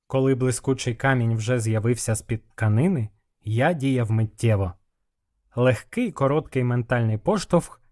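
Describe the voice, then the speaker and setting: A man narrating a fantasy audiobook in the first person, with even, measured storytelling. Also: mid-range voice.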